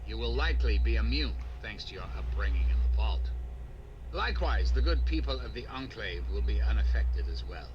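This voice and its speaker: An actor voicing a scheming male AI leader in a video game, with a calm, menacing evil AI voice, measured and coldly polite. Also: fairly low pitch. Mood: calm menace. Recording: muffled, distant, noisy game capture.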